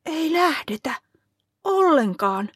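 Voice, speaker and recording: A woman voicing a small preschool boy who is eager and quick to sulk, in a storybook reading. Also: sits high, very animated, a bit bright, dry recording, studio quality, voice pushed up. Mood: sulky.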